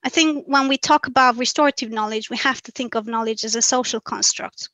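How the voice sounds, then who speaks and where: A woman's voice: fairly high pitch, brisk, a bit bright, no room sound, rough recording. Earnest woman. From Romania. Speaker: webinar presenter. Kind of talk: academic presentation.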